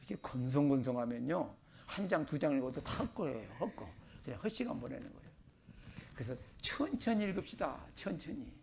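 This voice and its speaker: A middle-aged man from Korea, a pastor giving a chatty sermon, joking about himself and then pressing his points with loud bursts. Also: mid-range voice, sing-song, a little fast, gravelly. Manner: chatty, self-joking preacher with sudden loud emphasis. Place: church sanctuary.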